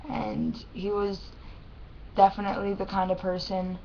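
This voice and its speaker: A woman's voice: mid-range voice, monotone, measured pace, vocal fry, warm tone. Lisping young woman, thick swollen-tongue speech. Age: young adult. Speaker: vlogger. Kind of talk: casual personal vlog. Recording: dull lo-fi sound with faint noise.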